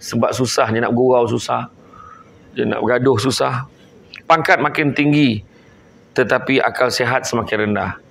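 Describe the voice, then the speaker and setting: A man's voice: medium pitch, steady tone, moderate pace, gravelly, pauses often, fairly bright tone. A male preacher with a Malaysian Malay accent gives a humorous religious talk and teases his live audience. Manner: joking and teasing with the crowd, switching between I and aku.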